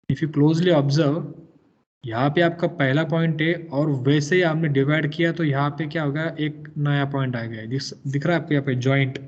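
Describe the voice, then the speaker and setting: A man teaching a software lecture to engineering students, explaining patiently step by step, switching often between Hindi and English and quizzing the class. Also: a little high, dull audio.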